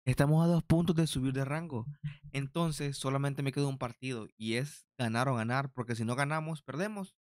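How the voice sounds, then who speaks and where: A young man doing excitable play-by-play of his own football video game match for viewers. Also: mid-range voice, a little fast, no room sound, clean studio sound. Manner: excitable, addresses viewers as "señores", shouts at big chances. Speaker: gaming YouTuber.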